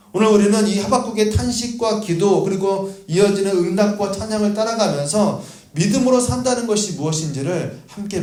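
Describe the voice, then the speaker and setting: A man's voice: high-pitched, a little mellow, roomy sound. A man preaching a sermon at a prayer meeting in earnest, acting out a prophet's questions to God.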